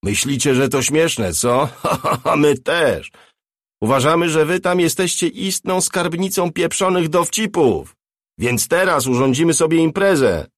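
A man voicing a mocking, menacing man who calls out over a loudspeaker in an audiobook. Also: on the high side, lively intonation, a little slow, no echo, clean studio sound, pitched above the performer's own voice. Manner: taunting and loud.

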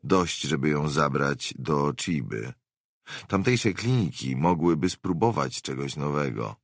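A man voicing a tired, guarded adult man who speaks low, quiet and clipped in an audiobook. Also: expressive, measured pace, creaky, dry recording, clean studio sound, full character voice. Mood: terse.

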